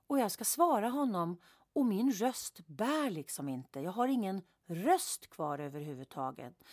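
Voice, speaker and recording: Recorded with studio quality and no room sound, a woman with a medium-pitched, slightly mellow voice tells a personal story. She retells it vividly and emphatically, repeating words for effect and correcting herself along the way.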